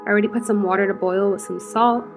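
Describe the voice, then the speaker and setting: A woman in her twenties, chatty and relaxed, walking through a meal prep in her home kitchen. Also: mid-range voice, quick pace, faint music behind. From United States. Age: 20s. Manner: chatty, relaxed, lots of fillers. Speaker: lifestyle vlogger. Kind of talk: casual how-to vlog.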